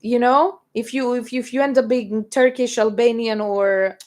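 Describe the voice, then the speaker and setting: A young Englishwoman with a fairly high, somewhat dark voice speaks at a moderate pace with fairly even intonation. She's a band member co-hosting a stream, bickering in casual banter and swearing offhandedly.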